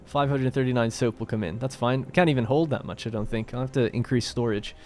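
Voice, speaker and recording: A man's voice: mid-range voice, steady tone, fast talker, a little hiss or hum. A man hosting a let's play, talking casually and thinking aloud as he plays a strategy game. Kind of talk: gameplay commentary.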